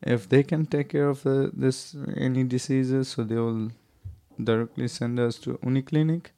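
A man from Afghanistan, answering interview questions in halting, hesitant English. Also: medium pitch, fairly even intonation, vocal fry, dark tone, smooth, no room sound. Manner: halting, hesitant, searching for words.

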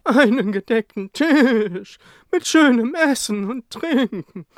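A cheerful old work horse, as the storyteller puts her on coaxes her companions in a raised voice that is slow and drawn out. The pitch swings lively up and down, and the sound is dry and close. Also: no echo. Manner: slow, drawn-out, upbeat coaxing. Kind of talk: storybook reading.

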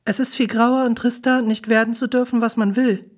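A woman's voice: on the high side, steady tone, moderate pace, close to an everyday voice. Woman reading as a defiant teenage girl. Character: headstrong teenage girl dreaming of the sea.

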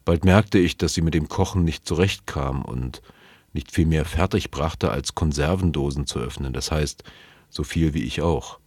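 A man reading a novel aloud in measured, sober, first-person storytelling. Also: extremely low pitch, a little mellow, breathy edge, no echo. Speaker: narrator.

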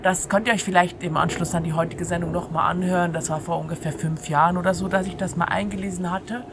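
Speaking fast with fairly even intonation, a woman with a lowish voice runs a free radio show as a casual monologue addressed directly to the listener. Clear outdoor background noise comes through an open window.

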